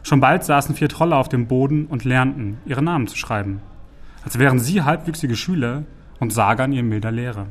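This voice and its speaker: A man narrating a fantasy audiobook in an even, measured storytelling manner. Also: mid-range voice.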